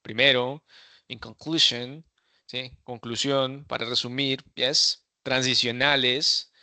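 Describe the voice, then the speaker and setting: Man, teacher, very bright voice, dry close sound, bilingual classroom talk, Latin American accent. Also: medium pitch, fairly even intonation, slow, no room sound. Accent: Latin American Spanish. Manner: switches between languages, asks the group for answers, many fillers. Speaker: English workshop teacher.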